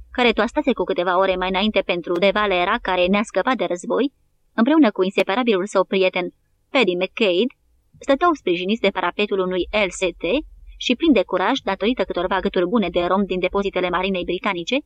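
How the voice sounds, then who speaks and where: A woman narrating an audiobook in a steady, even reading style. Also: mid-range voice. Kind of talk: scripted narration.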